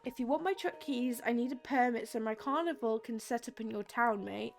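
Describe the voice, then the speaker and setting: A woman's voice: on the high side, brisk, creaky, soft background music. A woman voicing a chummy game character, a diner man who speaks in rhyming slang. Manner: swaps words for rhyming slang.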